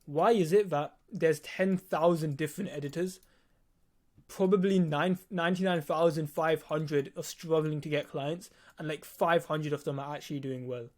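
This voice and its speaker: Teaching on his own channel, a nineteen-year-old video editor with a lisp talks to viewers casually and bluntly, with swearing and emphatic repetition. His slightly high, slightly mellow voice holds a steady tone at a moderate pace.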